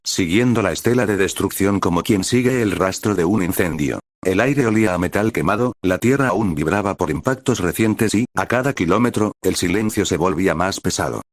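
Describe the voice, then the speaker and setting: A man narrating a dramatized fan fiction story in a steady, solemn way. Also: low voice, no room sound, studio quality.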